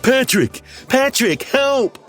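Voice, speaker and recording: Scared little smurf voice, way up high, panicky, storybook style. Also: male voice, animated, slow, fairly bright tone, faint music behind, heavily acted. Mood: frightened. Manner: panicky, squealing exclamations. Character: small, frightened, clumsy male smurf.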